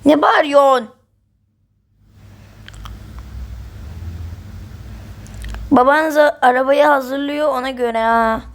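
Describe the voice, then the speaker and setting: A woman's voice: high voice, fairly even intonation, moderate pace, faint music behind. A woman playing a stern scolding mother. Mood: annoyed. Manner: scolding, curt.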